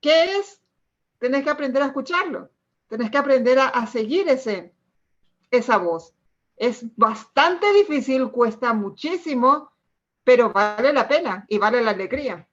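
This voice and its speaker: A woman's voice: high voice, measured pace. A woman on a podcast, talking emphatically and repeating herself for effect. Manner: emphatic, repetitive, animated. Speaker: podcast co-host. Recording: dull lo-fi audio.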